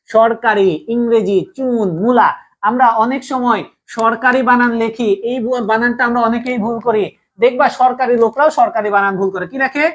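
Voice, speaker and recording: A woman from Bangladesh, teaching an online grammar class and drilling students with repeated questions. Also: a little high. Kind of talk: live online class lesson.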